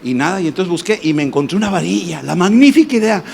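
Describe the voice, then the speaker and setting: A man, a pastor, preaching a sermon and telling personal testimonies in an animated way with acted voices and sound effects. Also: high voice, quick pace, creaky, a little hiss or hum. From Mexico. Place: church congress hall.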